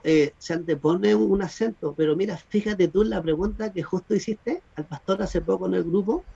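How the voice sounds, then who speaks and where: A man teaching Greek grammar in an online class, explaining rules in an animated way and checking that students follow. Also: high-pitched, creaky, husky. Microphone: video call. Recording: dull lo-fi video call audio.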